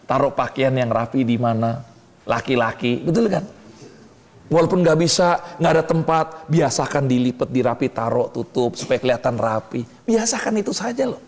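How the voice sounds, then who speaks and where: Animated man preaching in a reverberant hall. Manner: keeps asking the audience "betul tidak?" and pausing for answers; animated, swings between high exclamations and low asides. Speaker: preacher teaching a discipleship class. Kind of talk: lively sermon with call-and-response questions.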